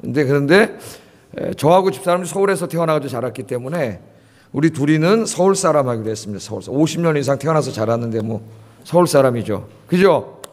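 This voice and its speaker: A fast-talking pastor from Seoul, in his fifties, sermonizes in a chatty, expressive way, his voice on the high side and a little mellow. He often turns questions to the congregation, with long hall reverb filling the sanctuary.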